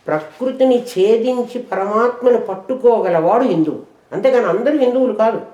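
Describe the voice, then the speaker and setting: A woman teaching scripture, explaining verses with rhetorical questions and chanting them slowly. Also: on the high side, mellow, reverberant, dull audio. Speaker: spiritual teacher. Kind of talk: scripture lesson.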